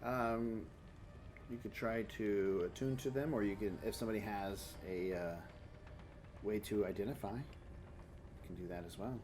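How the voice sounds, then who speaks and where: A man's voice: on the low side, a little slow, long pauses, a little mellow, a little hiss or hum. A man narrating a tabletop role-playing game as game master, describing scenes in detail and walking the players through them.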